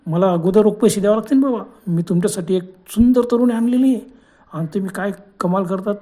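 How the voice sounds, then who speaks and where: A man voicing a sly, scheming young man in a spoken horror story, talking loudly and excitedly. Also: sits high, fairly quick, slightly rough. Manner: loud, agitated exclamations.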